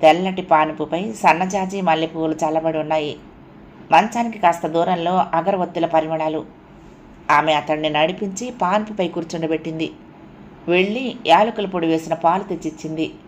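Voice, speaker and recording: A woman narrating a novel in a steady, even storytelling manner. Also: low voice, normal speed, slight background noise. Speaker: audiobook narrator. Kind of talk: scripted narration.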